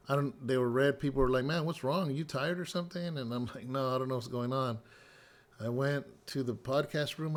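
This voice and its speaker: A middle-aged pastor from California gives a casual devotional update, his medium-pitched voice slightly hoarse and raspy as it recovers. He tells a loose, rambling story packed with fillers.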